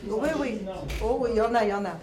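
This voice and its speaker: An animated woman takes questions after a talk, her voice pitched a little high, laughing easily and restarting her sentences. She sounds echoey, caught in a reverberant conference hall. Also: fast, crowd noise. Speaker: conference speaker answering questions. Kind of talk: Q&A discussion.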